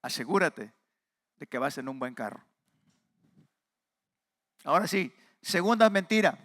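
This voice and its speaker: A man with a Mexican Spanish accent, preaching a sermon and speaking straight to the congregation, emphatic with quieter asides. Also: on the high side, animated, measured pace, no room sound, clean studio sound. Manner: addresses the congregation directly. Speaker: pastor.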